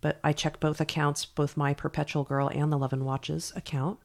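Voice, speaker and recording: A woman's voice: low voice, level tone, normal speed, gravelly. A woman co-hosting a podcast in casual chat, her voice scratchy from a sore throat. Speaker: podcast co-host.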